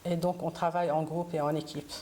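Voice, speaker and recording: A woman's voice: low voice, flat delivery, brisk, warm tone, slight background noise. A middle-aged woman from Lebanon, guest in an interview, answering hesitantly with many fillers. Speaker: interview guest, consular councillor.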